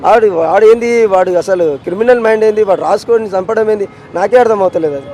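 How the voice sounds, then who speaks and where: A distraught man with a Telangana Telugu accent talks quickly in a raised, high register, his voice dark and mellow. He repeats himself insistently and emotionally, pleading in a street interview. Faint street noise sits behind him. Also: poor audio. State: distraught with grief. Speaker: interviewee, grieving father.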